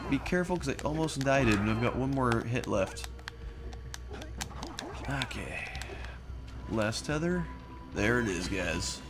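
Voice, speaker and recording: A man's voice: mid-range voice, expressive, a little slow, pauses often. A man hosting a let's play, giving casual gaming commentary in a chatty, jokey manner that addresses viewers directly. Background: game music.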